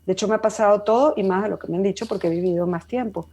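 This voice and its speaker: A woman in her fifties with a Venezuelan accent, a psychologist speaking as an interview guest in a warm, heartfelt way. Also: mid-range voice, rapid-fire. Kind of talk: interview conversation.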